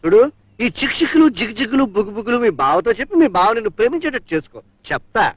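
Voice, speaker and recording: A man's voice: very high voice, big pitch swings, rapid-fire, no room sound, exaggerated voice. A blustering, scheming rich father. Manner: comic, repeats a pet word, wheedling. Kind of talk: 1970s Telugu film acting.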